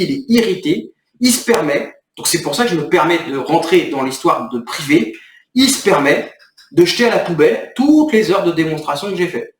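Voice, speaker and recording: Recorded off mic in an echoey space, a video creator with a high-sitting voice vents to the camera. He rambles in irritation while explaining what his next video will be, vlog-style.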